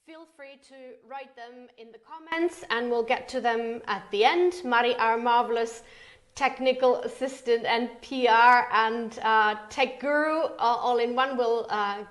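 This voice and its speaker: A woman's voice: on the high side, measured pace. A woman from the Czech Republic, an event manager and consultant, presenting a webinar with enthusiasm. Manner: enthusiastic, expressive. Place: online webinar.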